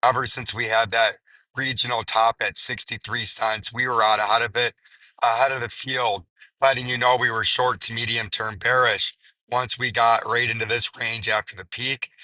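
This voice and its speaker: Hoarse man with sharp, raspy strain. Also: mid-range voice, no echo, low-quality recording. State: hoarse, voice nearly gone. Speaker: crypto video host. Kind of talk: market chart commentary.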